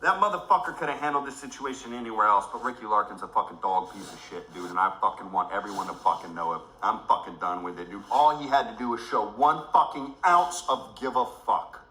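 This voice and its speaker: A man's voice: fairly low pitch, fast, hardly any pauses, bright, forceful tone, roomy sound, poor audio. A man ranting angrily on a livestream, swearing heavily, angry and emotional. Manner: heavy swearing, furious and emotional. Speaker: livestream host.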